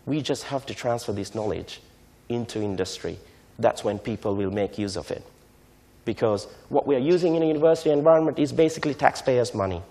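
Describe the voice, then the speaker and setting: A man, giving a measured, explanatory lecture to a conference audience and often checking in with "right?". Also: medium pitch, dark tone. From Sri Lanka. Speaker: invited speaker on technology transfer.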